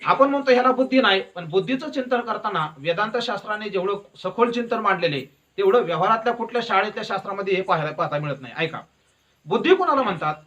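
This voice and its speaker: A man preaches a devotional discourse in a high voice. He keeps asking questions and answering them himself, and tells stories along the way. His tone is bright and forward. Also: expressive, fast, muffled recording. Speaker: kirtan preacher.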